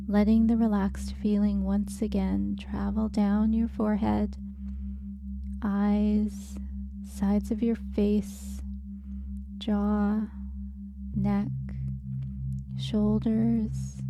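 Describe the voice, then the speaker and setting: A woman leading a guided hypnosis relaxation in a soothing, unhurried, gentle instructing manner. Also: mid-range voice, noisy background.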